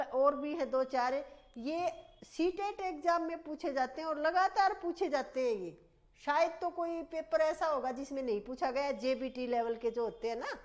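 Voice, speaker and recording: A woman teaching a grammar lesson for exam students, explaining at length and repeating points, often calling her students "bhai". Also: high-pitched.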